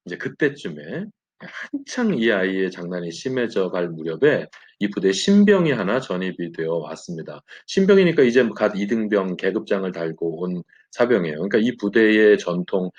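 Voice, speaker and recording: A man leads a Bible lesson with a slightly husky voice, telling his story with animated, wide-ranging pitch. He fills pauses with short affirming words. The recording sounds dull and lo-fi. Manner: animated storytelling with frequent "예" fillers. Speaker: Bible study teacher.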